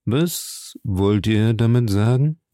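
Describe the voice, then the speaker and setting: A man voicing a powerful, scheming old cardinal who speaks slowly and probingly. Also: lowish voice, dark tone, no room sound, clean studio sound. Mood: stern. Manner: slow, measured, probing.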